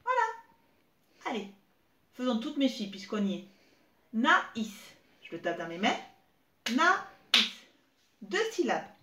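A woman in her thirties teaching young children remotely, spelling out syllables slowly and clearly as she claps. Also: fairly high pitch, wildly swooping pitch. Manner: slow, clear, exaggerated syllable clapping. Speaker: preschool teacher. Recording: echoey room with faint noise.

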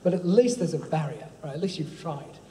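A man's voice: a little high, fairly quick, dark tone. A man giving an informal, chatty tech talk at a live event, with frequent ums and tag questions. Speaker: speaker presenting a project. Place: large echoey hall. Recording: echoey hall, faint room noise.

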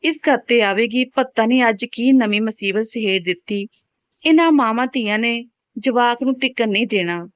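A woman's voice: a little high, normal speed, dry recording, natural voice. A woman voicing a bitter old grandmother who scolds and blames her granddaughter. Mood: scornful. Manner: scolding, spiteful. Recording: dull, dry home recording.

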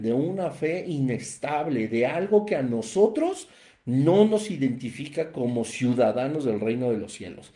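A man's voice: on the high side, mellow, reverberant. A man preaching a Bible teaching, emphatic and repeating phrases for stress. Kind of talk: sermon-style Bible teaching.

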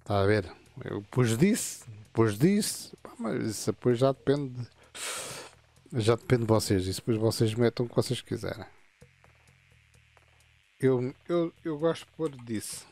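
A man's voice: mid-range voice, gravelly, warm tone, soft background music. A man, casually walking viewers through settings in a screen-recorded tutorial, meandering and restarting his sentences. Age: 50s. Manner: meandering, halting explanations with frequent restarts. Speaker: gaming channel host.

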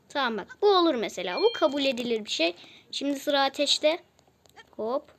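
A woman's voice: high-pitched, fairly bright tone, a little hiss or hum. A woman casually commenting on a mobile game as she plays, chatty and easily exasperated, often repeating herself.

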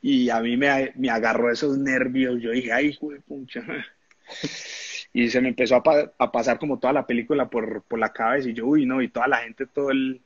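Husky man telling stories. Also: mid-range voice, fairly quick, few pauses, dry recording, lo-fi sound. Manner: animated anecdotes, acts out voices, laughs often. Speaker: former footballer interviewed. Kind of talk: casual interview storytelling.

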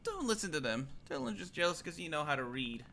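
A man casually playing a game with a friend, reading its dialogue aloud in voices and reacting with animated exclamations. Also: on the high side, quick pace. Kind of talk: casual gameplay chat, voicing dialogue.

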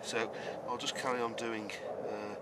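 Speaking a little slowly in a mid-range, level voice, a man walks the camera through his vegetable allotment in a casual tour. The gardener, who also hosts the show, rambles step by step through his planting, with lots of fillers and restarts. Noisy outdoor camera sound carries a rural ambience.

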